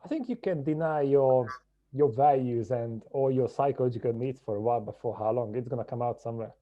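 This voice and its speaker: Man, podcast guest, measured and reflective, middle pitch, slightly dull lo-fi sound. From Hungary. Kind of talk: podcast interview.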